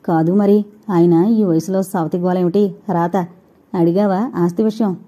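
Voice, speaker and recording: A woman voicing a nosy, sharp-tongued older mother-in-law who pries and needles. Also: fairly low pitch, fairly even intonation, measured pace. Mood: prying. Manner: prying, needling.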